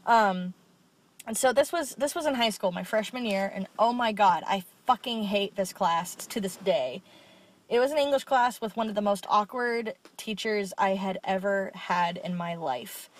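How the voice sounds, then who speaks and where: A woman's voice: mid-range voice, moderate pace. Candid young woman swearing through stories. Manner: candid, swears freely, storytelling. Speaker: podcast co-host. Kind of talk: casual podcast chat.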